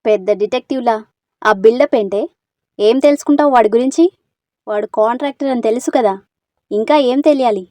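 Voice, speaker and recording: A woman's voice: on the high side, brisk, long pauses, mellow, dry recording, close to an everyday voice. A woman voicing a teasing young friend. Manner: teasing and reassuring.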